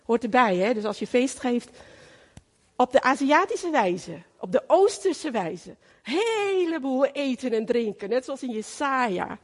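Middle-aged woman, sermon, fervent and emphatic, high voice, slow delivery, long hall reverb. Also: very animated. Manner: fervent, emphatic, repeats phrases. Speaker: preacher.

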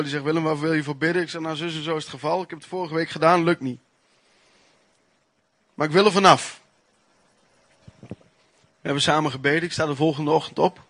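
A man's voice: on the high side, fairly bright tone, no room sound. Earnest man preaching. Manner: earnest, emphatic, with pauses and restarts. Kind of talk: sermon with personal testimony.

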